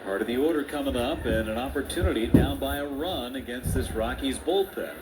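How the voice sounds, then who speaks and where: A man announcing baseball play-by-play in a steady, measured way, with brief asides to his partner. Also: medium pitch, very noisy. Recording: broadcast with clear ballpark ambience.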